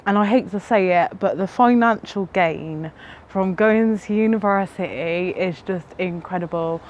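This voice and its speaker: A woman's voice: on the low side, a little slow, highs cut off, slight background noise. A woman of twenty-two, a psychology student who grew up in care, speaking candidly to camera. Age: 20s. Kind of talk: interview to camera.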